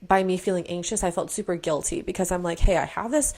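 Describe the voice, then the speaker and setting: A woman in her twenties from Hawaii talks fast in a low, slightly mellow voice in a sit-down, podcast-style vlog recorded on a camera mic. She's casual and earnest, her sentences full of "like" and "you know."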